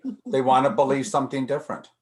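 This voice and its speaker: A man's voice: medium pitch, fairly even intonation, fast talker, a crowd in the background. A man leading a casual group discussion, thinking aloud with frequent restarts and repeated words.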